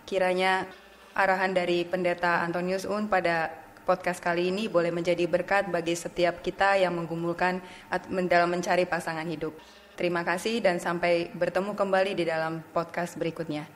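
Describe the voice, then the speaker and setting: A female podcast host wraps up the episode in a measured, formal way. Her voice is lowish and very flat in pitch. The room adds a long reverberant tail, with faint noise behind. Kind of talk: podcast sign-off.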